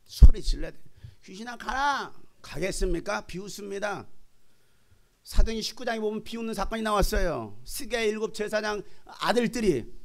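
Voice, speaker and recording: A man who is a pastor, preaching an animated, joking sermon and at times shouting commands. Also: sits high, moderate pace, vocal fry.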